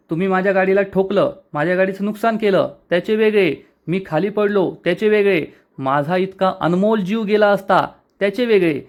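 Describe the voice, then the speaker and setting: A man doing a cheeky young taxi rider. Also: sits high. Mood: indignant. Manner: haggling, insistent, teasing. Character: crafty young male bike taxi rider, stubborn and cheeky. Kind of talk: serial recap with retold dialogue.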